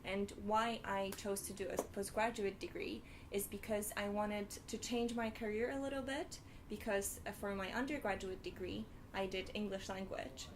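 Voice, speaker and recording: A young woman hosts a live student panel in an organised, slightly hesitant way, pausing on fillers as she lists topics. Her pitch sits in the middle range. There is faint noise behind her. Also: steady tone. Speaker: panel host. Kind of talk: hosting a live student webinar.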